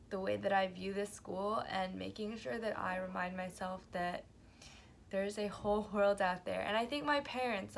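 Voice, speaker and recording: A young woman talking in a reflective, casual vlog as a college student. She speaks hesitantly and softly, with many fillers. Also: medium pitch, slight background noise. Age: young adult. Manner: hesitant and soft-spoken, with frequent fillers.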